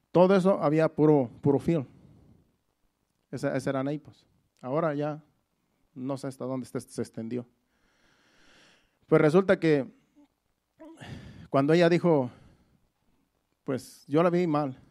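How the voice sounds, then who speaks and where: A man's voice: on the high side, dark tone. A middle-aged man preaching in a church, telling his own story in a conversational way with frequent restarts and repeated words. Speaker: preacher giving testimony. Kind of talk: sermon testimony. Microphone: sermon recording.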